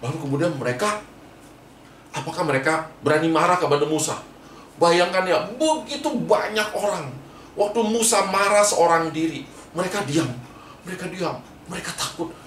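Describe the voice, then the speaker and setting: A man's voice: a little high, normal speed, a bit bright, a little hiss or hum. A man, a pastor, telling a Bible story to children, asking them questions and repeating points for emphasis. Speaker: pastor teaching Sunday school. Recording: echoey room, mic far off.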